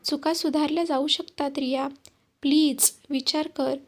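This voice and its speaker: A woman's voice: high-pitched, steady tone, measured pace. A woman reading a regretful pleading young husband.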